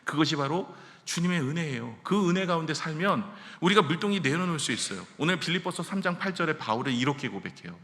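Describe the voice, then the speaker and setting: A man's voice: on the high side, fast talker, few pauses. A male pastor giving a conversational sermon, often putting questions to the congregation. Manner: animated, addresses the congregation directly with questions. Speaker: senior pastor. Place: church sanctuary. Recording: echoey church hall reverb.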